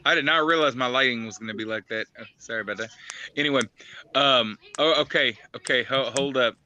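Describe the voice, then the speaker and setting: A man's voice: mid-range voice, quick pace, sharp tone. A man in his thirties joining a group chat call from his phone, joking at his own expense. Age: 30s. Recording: dull lo-fi phone audio with faint noise.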